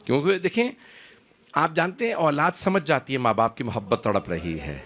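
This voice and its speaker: Sex: man. Role: impassioned preacher. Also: expressive. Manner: emotional, dramatic delivery with sharp rises in pitch and loudness; addresses the gathering directly and often. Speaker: Islamic preacher. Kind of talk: impassioned religious sermon. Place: large religious gathering, broadcast live.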